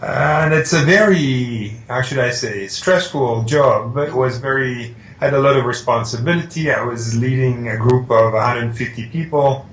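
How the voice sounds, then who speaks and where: A man's voice: medium pitch, normal speed, hardly any pauses, a little hiss or hum. Hesitant Swiss-born man in an echoey room. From Switzerland. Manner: hesitant, with restarts, recounting calmly. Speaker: painter, interview guest. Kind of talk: conversational interview.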